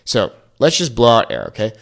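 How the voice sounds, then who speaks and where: Animated man giving a casual lesson. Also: medium pitch, brisk, vocal fry. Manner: encouraging, explains step by step. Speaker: Spanish teacher and video host. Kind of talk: casual instructional talk to viewers.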